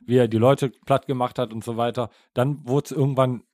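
A man of ordinary pitch chats on a podcast, close to a dry mic with no room sound. He gives his opinions calmly, pausing on small fillers as he thinks. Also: no room sound. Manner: relaxed, opinionated, many hesitation fillers. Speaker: podcast co-host. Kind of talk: casual chat.

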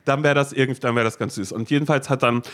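A man's voice: medium pitch, steady tone, quick pace, fairly bright tone. A young man hosting a casual podcast chat, telling a self-mocking story full of fillers and restarts. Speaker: podcast host.

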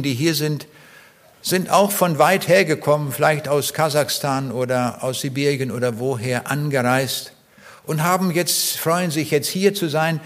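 An older man preaching a sermon in an earnest, emphatic way, building long lists with pauses. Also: mid-range voice.

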